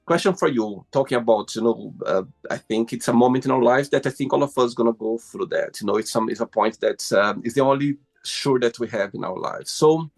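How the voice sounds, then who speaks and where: A man's voice: mid-range voice, a little fast, few pauses. Playful male host asking questions. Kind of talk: casual interview conversation. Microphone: video call.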